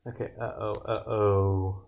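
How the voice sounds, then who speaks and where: A game developer livestreams while bugfixing, muttering, exclaiming, swearing, and reading dialogue aloud in casual commentary. His lowish, darkish voice stays steady and a little slow, with game music in the background.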